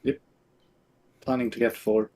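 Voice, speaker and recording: A man's voice: medium pitch, level tone, a little slow, mellow. A man chatting casually as a player at a tabletop role-playing game.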